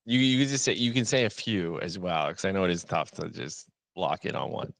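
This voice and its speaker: Deep, gravelly podcast host, dry sound. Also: male voice, lively intonation, fairly bright tone, no echo. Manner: easygoing, affirming, quick "yeah yeah". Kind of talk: casual interview chat.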